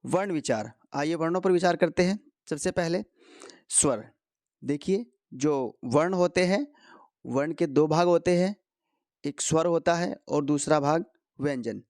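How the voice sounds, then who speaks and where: A man teaching Hindi grammar to exam students, going slowly, posing questions and answering them himself. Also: on the high side, a little mellow, no echo, studio quality. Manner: slow, repeats key answers, asks and answers his own questions. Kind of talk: explanatory lesson for competitive exam students.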